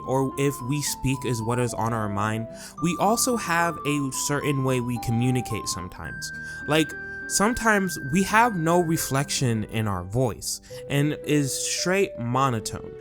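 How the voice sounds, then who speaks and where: A man talks through a casual video essay at a middle pitch. His delivery is chatty, jokey and self-aware, and music plays clearly behind him.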